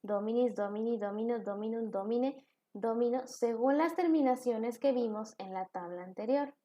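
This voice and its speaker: Woman, teacher, online class, patient step-by-step explanations, mellow tone. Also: fairly high pitch, moderate pace, highs cut off. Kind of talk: recorded online class lecture.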